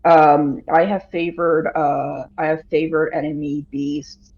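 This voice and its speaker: A man playing a tabletop role-playing game, talking casually in a halting, deliberate way. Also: fairly high pitch, flat delivery, darkish tone, highs cut off.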